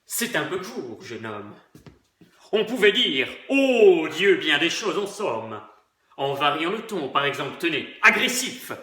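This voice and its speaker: A man's voice: a little high, very animated, unhurried, sharp tone. A man reciting theatrical verse like a hammy stage actor, declamatory and swaggering, as a proud, witty swordsman. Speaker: amateur performer reciting a stage monologue. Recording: roomy echo.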